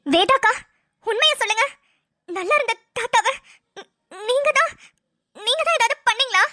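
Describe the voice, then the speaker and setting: A woman's voice: very high-pitched, expressive, bright, forceful tone, no echo, studio quality, full character voice. A woman doing an earnest young bride. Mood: accusing. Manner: eager, polite, quick to question. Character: earnest young bride and student, caring and sharp.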